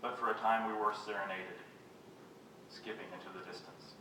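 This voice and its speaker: A man giving a live poetry reading, reading his own poems in a measured, unhurried way and making wry, self-mocking jokes between them. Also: on the low side, fairly even intonation. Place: reading venue with a live audience. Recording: very echoey room, voice picked up from a distance, faint background noise.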